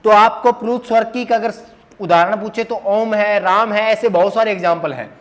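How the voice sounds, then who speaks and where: High-voiced man teaching grammar at a board. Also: moderate pace. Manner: asks and answers his own questions, repeats key terms. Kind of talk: whiteboard grammar lesson.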